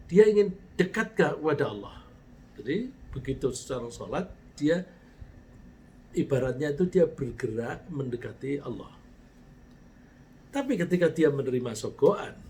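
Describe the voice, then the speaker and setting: A male preacher with a mellow, relaxed tone delivers a sermon over a faint hiss of background noise. His voice climbs to stress a point, then falls away at the end of a phrase. He recites Arabic verses and translates them line by line. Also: a little high, rough recording. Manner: explains with everyday examples, voice rising to stress points then dropping off.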